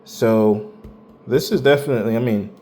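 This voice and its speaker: A man's voice: mid-range voice, normal speed, warm tone. A man casually walking through his own hardware benchmark results, talking in a loose, rambling way with slang and some swearing. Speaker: tech channel host.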